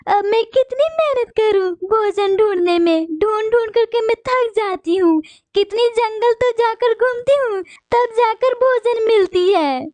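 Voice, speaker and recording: A woman's voice: very high voice, unhurried, a little mellow, dry recording. A woman voicing a tearful, hard-working female sparrow in a cartoon, with a wailing, lamenting manner. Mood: weeping. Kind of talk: cartoon voice acting.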